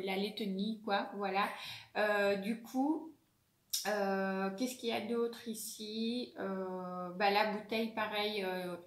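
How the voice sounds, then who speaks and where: A woman's voice: medium pitch, a bit bright. A French-accented woman reviewing beauty products in a casual vlog, hesitant, with many fillers and self-corrections. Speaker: beauty vlogger. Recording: echoey room.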